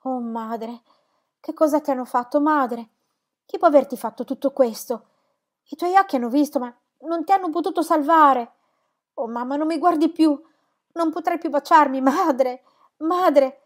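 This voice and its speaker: Young frightened daughter, played by a woman reader; high-pitched, loud, pleading, audiobook style. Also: normal speed, close to an everyday voice. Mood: grieving. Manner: high, loud, anguished cries.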